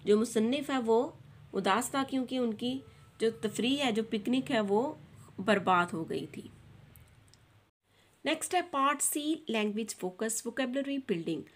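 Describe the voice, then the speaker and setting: A woman tutor with a Pakistani accent, going through a textbook lesson for children. She reads each English line slowly and then explains it in Urdu. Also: on the high side. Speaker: online tutor.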